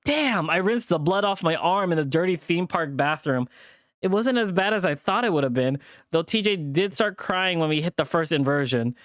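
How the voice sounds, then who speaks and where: Slightly higher-voiced man reading a story aloud. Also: animated, moderate pace, fairly bright tone, no room sound, studio quality. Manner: stumbles over words and rereads lines. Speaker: reader of a visual novel. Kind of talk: animated read-aloud with chatty asides.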